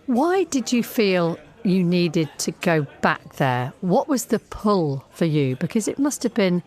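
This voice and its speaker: A woman presenting a radio talk show, asking measured, empathetic questions of her guest. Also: fairly low pitch, very animated, darkish tone. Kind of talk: radio interview.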